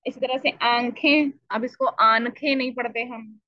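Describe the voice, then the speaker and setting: A woman teaching Quran recitation in an online lesson, explaining patiently and repeating syllables to demonstrate, clearing her throat now and then. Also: fairly high pitch, steady tone, unhurried, no room sound. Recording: dull lo-fi dry audio.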